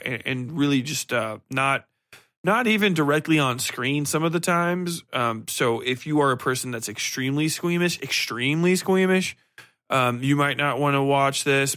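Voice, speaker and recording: With a medium-pitched, fairly bright voice, this man hosts a podcast where he reviews books and TV off the cuff. His blunt, sweary take is rambling, hesitant and full of self-corrections, and the studio-quality audio has no room sound.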